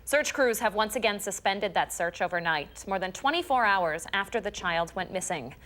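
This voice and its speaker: Woman, morning news anchor, mid pitch, measured, steady news read. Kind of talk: news reading.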